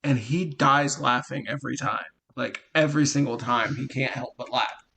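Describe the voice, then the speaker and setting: A man in his thirties co-hosting a casual podcast chat, telling lively stories and laughing at his own tales. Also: mid-range voice, normal speed, gravelly, slight background noise. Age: 30s. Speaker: podcast co-host.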